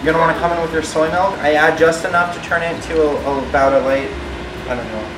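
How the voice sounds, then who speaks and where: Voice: medium pitch, steady tone, fast, distant mic, noisy background. Tipsy, sweary home cook in a roomy kitchen. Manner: tipsy, rambling, crude swearing. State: drunk. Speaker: home cook hosting a cooking show. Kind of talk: casual cooking tutorial to camera, profane. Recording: roomy kitchen, off-mic, loud music behind. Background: loud music, sizzling pan.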